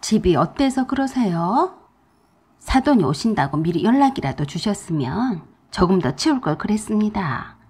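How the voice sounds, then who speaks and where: A firm older mother from a radio drama, played by a woman, polite on the surface with a sharp edge underneath. Her husky voice moves around a lot as she holds her ground. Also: mid-range voice, very animated, moderate pace. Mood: indignant.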